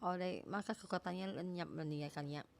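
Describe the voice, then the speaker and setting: Gravelly-voiced woman preaching. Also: lowish voice, fairly even intonation, slight background noise. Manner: halting, with emphatic repetition. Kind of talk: sermon.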